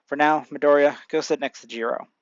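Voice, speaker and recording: A man voicing a gruff, tired male teacher who gives curt orders. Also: fairly high pitch, steady tone, fairly quick, no echo, highs cut off, lightly acted.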